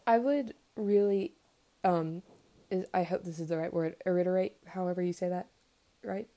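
A young woman chatting as a podcast guest, gushing and warm in what she says, with many fillers and little laughs. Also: lowish voice, normal speed. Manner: gushing, lots of fillers and giggles. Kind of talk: casual podcast chat.

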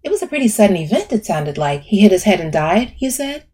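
A woman voicing a gentle, probing female therapist who asks questions in a soft voice. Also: mid-range voice, sing-song, quick pace, slightly rough, pitched above the performer's own voice.

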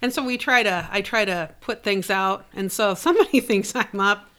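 A woman's voice: mid-range voice, moderate pace, fairly bright tone. A middle-aged woman, a comedian and mom, telling stories in casual chat with lots of laughter. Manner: chatty, laughing storyteller.

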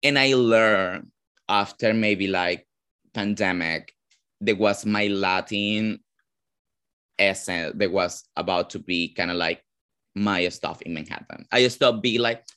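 A man from Venezuela with a Venezuelan Spanish accent, a drag performer answering interview questions casually, often pausing to search for words. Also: on the low side, bright, forceful tone, clear, resonant tone. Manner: searching for words, frequent "like" fillers.

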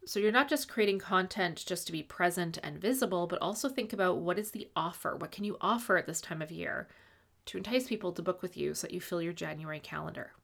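A woman's voice: lowish voice, fast, gravelly, fairly bright tone. A woman coach giving upbeat, tidy advice to viewers in a direct, encouraging and emphatic way, vlog style. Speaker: business coach and host. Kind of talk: advice vlog, semi-scripted talk to viewers.

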